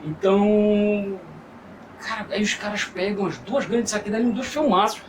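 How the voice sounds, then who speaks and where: A man co-hosting a casual group chat about films, talking in long animated runs with many restarts. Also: sits high, normal speed, crowd noise, rough recording. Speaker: podcast co-host.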